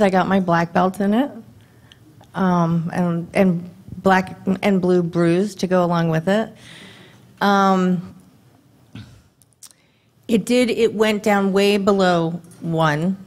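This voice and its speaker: A woman in her thirties giving a conference talk at a podium microphone in a dim hall, brisk and conversational, throwing rhetorical questions to the audience. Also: fairly low pitch, steady tone, darkish tone. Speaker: government contracting presenter. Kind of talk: conference presentation.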